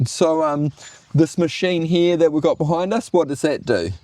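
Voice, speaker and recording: A man's voice: fairly high pitch, moderate pace, dark tone, no echo. A man with a New Zealand accent hosting a building video in a casual, matter-of-fact, colloquial way. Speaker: host for a shed-building company. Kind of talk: casual presenting and chat.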